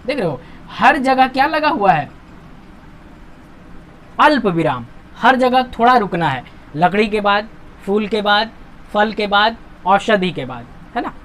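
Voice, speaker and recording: A man teaching a grammar lesson, patiently walking through on-screen examples, asking himself questions and answering them, and reading example sentences slowly with emphasis. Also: sits high, fairly bright tone. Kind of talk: classroom-style lesson explaining on-screen examples.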